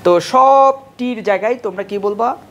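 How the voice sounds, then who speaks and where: A woman with a Bangladeshi accent teaching a pronunciation lesson, speaking directly to her students and slowly drilling words and phrases over and over. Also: mid-range voice, highs cut off, slight background noise. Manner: slow drilled repetitions, addressing students directly.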